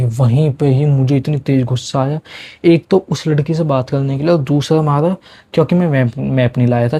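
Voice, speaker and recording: A young man tells a school story with rising heat, switching now and then into English. His voice sits a little high, with a mellow, darker tone. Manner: animated, heated retelling with Hindi-English code-switching. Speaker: vlogger telling a school story. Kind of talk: casual storytime monologue.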